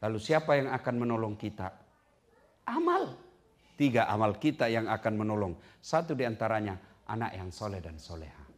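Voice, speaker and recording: A man preaching a lively sermon to a congregation. He asks the listeners direct questions and swings between low, hushed storytelling and high, loud punchlines. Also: normal speed. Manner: addresses the audience directly with questions. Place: community gathering hall.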